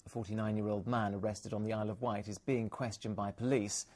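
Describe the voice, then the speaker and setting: A man reading the regional news as studio presenter in a measured delivery. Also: fairly low pitch, flat delivery, a little mellow.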